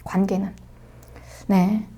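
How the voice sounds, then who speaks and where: A middle-aged woman pastor preaching a sermon with a Seoul accent, dramatic, swinging between soft murmurs and raised cries. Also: mid-range voice, flat delivery, takes it slowly, breathy edge. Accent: Seoul Korean. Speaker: senior pastor.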